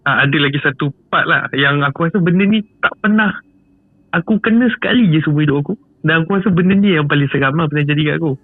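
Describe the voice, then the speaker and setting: A guest storyteller with a Malaysian accent and a high, fast voice casually recounts a scary experience, repeating words often and chuckling frequently. There is no room sound, but the audio is tinny, like a phone.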